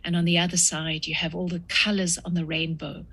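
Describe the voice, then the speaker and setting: A woman in her sixties from South Africa, a guest author answering podcast interview questions in a measured way with frequent pauses. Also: fairly low pitch, little pitch movement, fairly bright tone, breathy edge.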